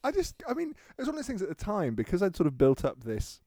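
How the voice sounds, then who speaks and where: Speaking fast in a high, mellow voice, this English man in his thirties swings his pitch wildly. As a podcast co-host he tells stories in casual chat and laughs frequently, and the recording is dry and studio quality.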